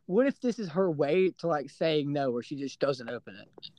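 Chill guy cohosting a podcast, a bit high pitched, dry close sound. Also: expressive, dark tone, no echo. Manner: easygoing, agreeable, drops in quick questions. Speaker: podcast co-host. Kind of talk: casual chat.

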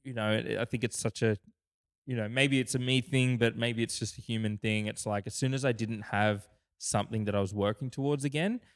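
A man's voice: medium pitch, steady tone, fairly quick. A young adult man co-hosting a podcast, talking casually with many restarts and fillers. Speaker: podcast co-host. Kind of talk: casual chat.

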